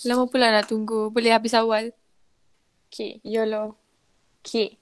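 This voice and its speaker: A woman's voice: a little high, flat delivery, normal speed, clean tone. A woman teaching an online physics lesson, mixing Malay and English and checking in often with the class. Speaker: lecturer.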